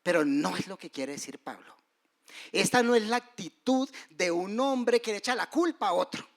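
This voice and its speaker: A man preaching a sermon, moving between loud rises and soft, hushed drops. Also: high-pitched, expressive, normal speed, gravelly. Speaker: pastor.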